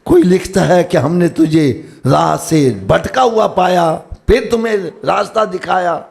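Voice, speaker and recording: Pakistani punjabi preacher guy, high voice, goes from calm explaining to shouting. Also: vocal fry. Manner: swings from low explaining to high shouted exhortation. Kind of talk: sermon. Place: live religious gathering.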